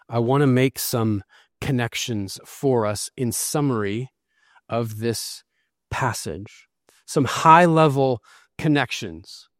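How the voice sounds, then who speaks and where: A man's voice: medium pitch, no echo. Middle-aged male pastor, earnest storyteller, dry recording. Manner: earnest storytelling preacher, reads scripture aloud. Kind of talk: sermon.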